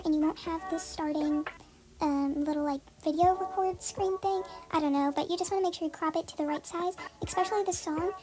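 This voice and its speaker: A tutorial host speaking through a voice changer that disguises their voice, chatty and full of "like" and "um". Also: low-quality recording. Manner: chatty, many "like" and "um" fillers. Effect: voice changer disguising the voice, pitched very high. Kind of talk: casual step-by-step tutorial.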